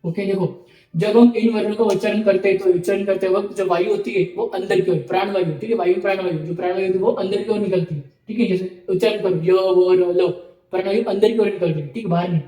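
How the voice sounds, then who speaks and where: A man's voice: high-pitched, fairly even intonation, fast talker, mellow, roomy sound, low-quality recording. A man teaching a Sanskrit lecture, explaining step by step, reciting letters one by one and checking in often with "okay". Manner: repetitive explaining, frequent "ठीक है" and "okay" check-ins. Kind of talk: online video lecture.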